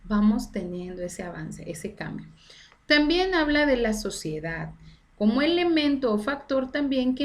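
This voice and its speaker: A woman's voice: on the high side, darkish tone. A woman teacher giving a recorded online class, explaining step by step and often checking in with her students. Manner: explanatory, frequent tag questions to students.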